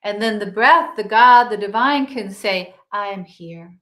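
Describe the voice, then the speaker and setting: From Denmark and a Danish native speaker, a yoga teacher and author talks as a guest about spiritual matters, soft-spoken and meditative as her voice drifts quieter. She speaks unhurriedly at medium pitch, with a roomy sound.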